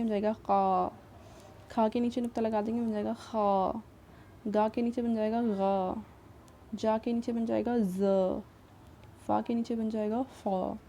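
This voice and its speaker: Soft-toned woman teaching children. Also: on the high side, slight background noise. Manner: patient, repeats and rephrases each point. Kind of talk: explanatory grammar lesson for children.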